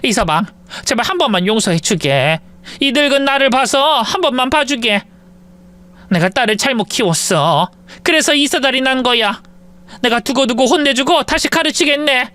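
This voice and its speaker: A man's voice: very high-pitched, expressive, normal speed, pushed and bright, voice pushed up, exaggerated voice. A man voicing an older mother-in-law who pleads and scolds in old-fashioned speech. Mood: pleading.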